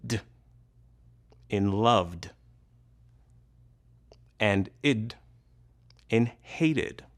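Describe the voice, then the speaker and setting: A man teaching English pronunciation in a scripted lesson, enunciating each sound carefully and pausing between words. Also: fairly low pitch. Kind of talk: slow, deliberate scripted instruction.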